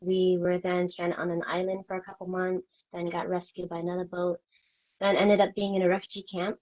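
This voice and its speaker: A woman's voice: lowish voice, completely flat delivery, a little fast. Earnest woman on muffled lo-fi audio. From Vietnam. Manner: earnest, reflective, with hesitant restarts. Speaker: guest. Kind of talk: personal interview storytelling.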